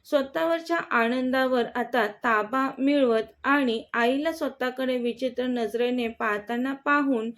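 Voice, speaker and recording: A woman narrating a romantic short story in a calm, measured reading voice. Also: sits high.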